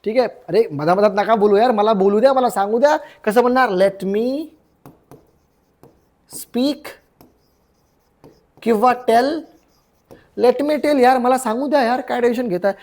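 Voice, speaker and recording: A young man teaching everyday English phrases in a casual Marathi lesson, repeating each phrase and drawing the English words out slowly. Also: extremely high pitch.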